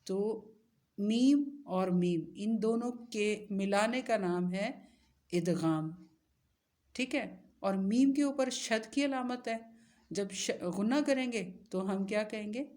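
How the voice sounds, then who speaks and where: A woman teaching a recitation lesson, patiently asking questions and answering them, and spelling letters out slowly. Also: medium pitch, darkish tone.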